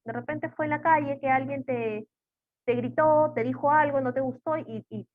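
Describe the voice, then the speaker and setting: Husky woman teaching over a call. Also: fairly high pitch, dry recording. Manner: teaching with strings of rhetorical questions. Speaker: psychologist giving a webinar. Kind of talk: webinar talk. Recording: tinny phone-like call audio, dry.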